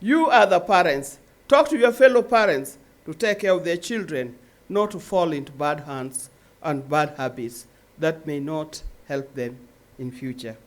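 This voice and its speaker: A woman's voice: low voice, lively intonation, a little slow. An older woman, a grandmother, giving an earnest speech at a charity event and urging parents to care for their children. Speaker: guest speaker.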